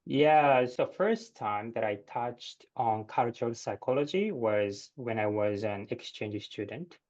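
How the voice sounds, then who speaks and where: A man in his thirties from Japan, with a Japanese accent, answering interview questions in a measured way with many "uh" pauses. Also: medium pitch, lively intonation, darkish tone. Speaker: guest researcher. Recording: dull lo-fi sound.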